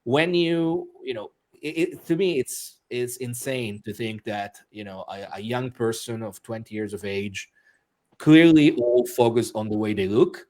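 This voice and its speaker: Man, interview guest, halting speech, frequent restarts, medium pitch. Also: darkish tone. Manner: halting, many restarts and fillers, laughs often. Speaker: interview guest, author and musician. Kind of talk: casual interview talk.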